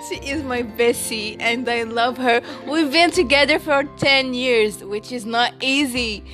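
A woman's voice: on the high side, measured pace, a bit bright, soft background music. A woman in her late teens from Morocco, hosting a casual podcast chat, giggling often and stopping to restart with many fillers. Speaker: podcast co-host.

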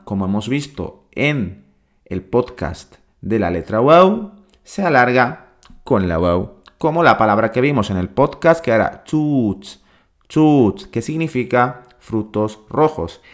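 A man gives a podcast lesson at an unhurried, deliberate pace. He speaks patiently and says each sound again and again so listeners can follow. His voice sits at an ordinary middle pitch. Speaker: Arabic teacher.

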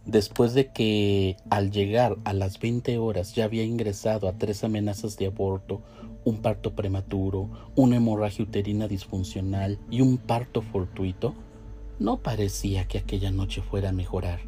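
Man reading a story aloud, low warm voice, steady pace, soft music in the background. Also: normal speed. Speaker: narrator. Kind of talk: storybook narration. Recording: faint music behind.

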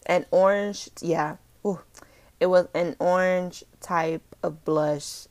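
A woman's voice: on the low side, steady tone, slow pace, darkish tone. A woman hosting a makeup podcast in a chatty, rambling way, with playful asides. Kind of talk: casual chat.

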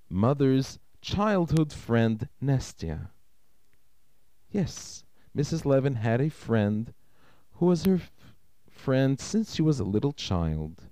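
A man tells a story slowly and with care, his voice rising and falling to give each moment weight. His tone is dark and mellow, and the recording is dry and close, with no room echo. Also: medium pitch, clean tone. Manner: slow, expressive, dramatic storytelling. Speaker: rabbi. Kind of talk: storytelling narration.

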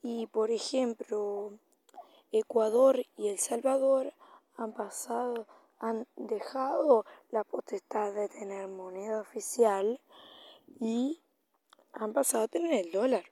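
A woman's voice: a little high, slow, dark tone, no echo. A woman from Latin America hosting an informal solo podcast, improvising her commentary in a hesitant, self-correcting way. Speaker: podcast host.

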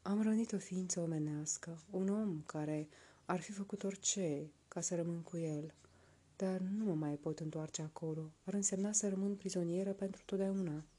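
A woman voicing a gentle seal woman and loving mother who speaks in an earnest, heartfelt way. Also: fairly low pitch, steady tone, husky. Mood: sorrowful. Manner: earnest, heartfelt, tender speech.

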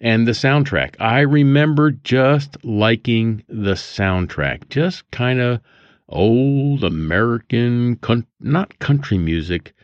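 A man's voice: mid-range voice, lively intonation, takes it slowly, dry recording. An older man hosting a casual daily almanac monologue, musing and digressive, chuckling as he reminisces. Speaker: podcast host. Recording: dull lo-fi dry recording.

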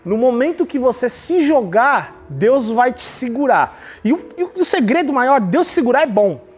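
High-voiced man giving a devotional talk. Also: big pitch swings, a little slow, husky. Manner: emphatic, acts out quoted voices while telling stories. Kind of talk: devotional podcast teaching.

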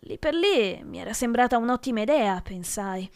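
A woman's voice: a little high, normal speed, gravelly, no echo. Woman reading a kids' story aloud. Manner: expressive storytelling. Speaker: podcast reader. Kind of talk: reading a children's book aloud.

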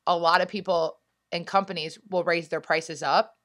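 A woman co-hosting a casual podcast chat, explaining things in a measured way. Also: on the low side, fairly even intonation, a bit bright. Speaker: podcast co-host.

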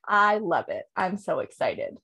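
A woman's voice: on the low side, very animated, a little slow, pushed and bright, breathy edge. A woman hosting a casual podcast chat about hockey news, talking chattily with lots of fillers and laughs. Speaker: podcast host.

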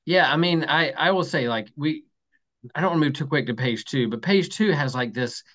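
A man's voice: on the high side, animated, moderate pace, a bit bright. Rambling man chatting about comics. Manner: loose, rambling, many "like" fillers and restarts. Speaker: podcast guest. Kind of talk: casual podcast chat about comics.

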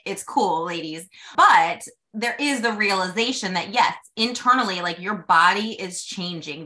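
Host, woman in her 40s, bright tense voice, rambling casual chat. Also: medium pitch. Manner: chatty, rambling, many fillers. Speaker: podcast host.

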